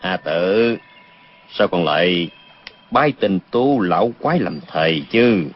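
A man playing a gentle middle-aged father. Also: low voice, lively intonation, a little slow. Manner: kind, mild, indulgent. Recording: dull lo-fi recording with faint noise.

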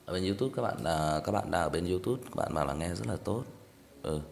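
A man's voice: sits low, expressive, brisk, creaky. A man who reads stories on a livestream, chatting casually and repeating himself as he talks straight to his listeners. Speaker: story reader on a livestream.

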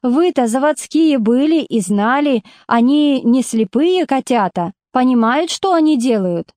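A woman's voice: on the high side, a little slow, dark tone, no room sound, clean studio sound, natural voice. A woman voicing a plainspoken working-class mother, blunt, stubborn and speaking in homely folk speech, in a storybook reading. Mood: indignant.

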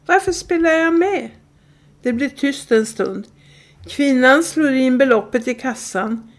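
A woman reading a humorous first-person story aloud from a book, in a deadpan storytelling manner. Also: fairly high pitch, gravelly, slight background noise. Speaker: reader.

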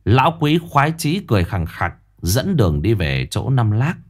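A man narrating a ghost story in an expressive, lively way. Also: lowish voice, moderate pace.

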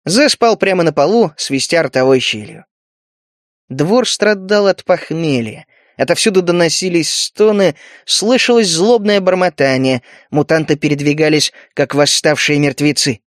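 A man narrating an audiobook in an even storytelling manner. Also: a little high, normal speed, no room sound, studio quality.

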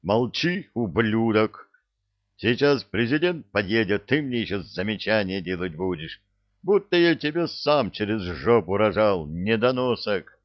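A man voicing a gruff, foul-mouthed middle-aged army general who shouts and curses at his son. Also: on the low side, big pitch swings, a little slow, no echo. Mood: furious. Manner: shouting, cursing, blustering. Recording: dull dry recording.

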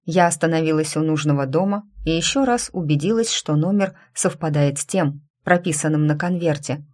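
A woman narrating a first-person story in a steady, unhurried reading voice. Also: low voice. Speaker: audiobook narrator.

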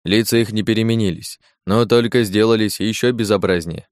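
A man reads a story in a measured, low voice. The recording is dry and close, with no room around it. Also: steady tone, no room sound. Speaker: narrator. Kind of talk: audiobook reading.

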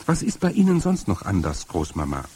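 A man reading aloud and voicing an anxious, indignant young child with a husky voice. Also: fairly quick, heavily acted. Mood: curious, worried. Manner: high, excited, pleading. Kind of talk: audiobook reading.

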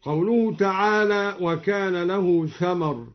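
A man reciting scripture in slow, melodic chant, with spoken notes explaining variant readings between passages. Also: sits high. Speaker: Quran reciter. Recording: dull lo-fi old radio recording.

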